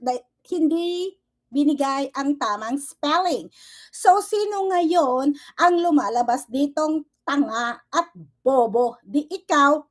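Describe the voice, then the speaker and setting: Woman vlogger, high voice, confrontational rant, mixes Tagalog and English, keeps demanding "okay?". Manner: switches between Tagalog and English. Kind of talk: angry reaction rant.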